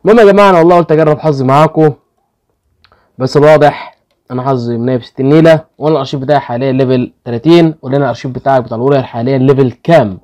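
A man's voice: medium pitch, racing, a little mellow. A man with an Egyptian Arabic accent hosting a casual gaming video, pleading with his luck and grumbling when the results go badly. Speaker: gaming channel host.

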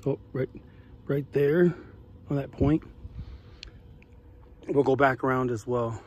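A man's voice: medium pitch, slow, a little mellow, a little hiss or hum. Laid-back man vlogging by a lake. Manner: laid-back, rambling, peppered with fillers. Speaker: vlogger on a family fishing trip. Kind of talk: casual explanatory chat. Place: outdoors on a mountain lakeshore. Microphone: phone at arm's length.

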